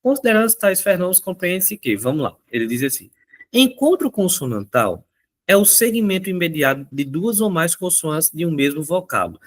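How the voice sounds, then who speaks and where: Going over exam answers on a recording, a man from Brazil teaches conversationally and keeps checking on his students. His high-pitched voice is very animated, with lots of rise and fall, delivered at a moderate pace.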